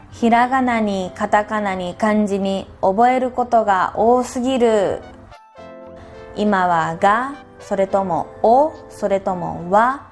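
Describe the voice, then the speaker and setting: A woman teaching a language lesson in a gentle, encouraging way, acting out short example dialogues. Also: on the high side. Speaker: Japanese teacher. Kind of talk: scripted podcast lesson.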